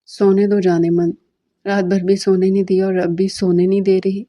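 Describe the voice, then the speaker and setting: A woman's voice: medium pitch, level tone, dark tone, muffled recording, natural voice. A woman voicing a drowsy, mischievous young husband in a romantic audiobook novel. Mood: sleepy teasing. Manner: teasing.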